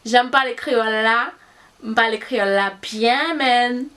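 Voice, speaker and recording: Speaking casually to the camera, a young Haitian woman who is a YouTuber works through questions while thinking aloud. She is a native Haitian Creole speaker with a Haitian accent. Her voice leans high with a fairly bright tone, and her pace is unhurried.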